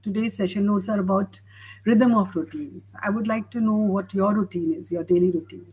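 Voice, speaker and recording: A woman English tutor in a conversation, explaining speaking tips to a learner in a measured, advising way. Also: mid-range voice, a little mellow, a little hiss or hum, rough recording. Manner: measured, explanatory, gives advice. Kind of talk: teaching conversation.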